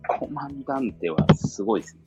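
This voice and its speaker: A man's voice: mid-range voice, animated, a little fast, darkish tone, breathy edge. A man co-hosting a casual chat in a laid-back, slightly hesitant, agreeable way. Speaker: co-host on a chat stream. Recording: dull lo-fi audio, faint music behind. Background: faint music.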